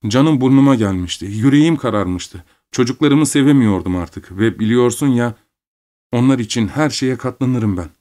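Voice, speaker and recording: A man voicing a guilt-ridden young mother who pleads in a hushed voice. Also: medium pitch, voice pushed up, lightly acted.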